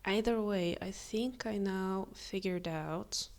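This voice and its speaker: A woman's voice: mid-range voice, takes it slowly. A woman giving casual gameplay commentary, muttering and questioning herself as she thinks aloud. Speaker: gamer.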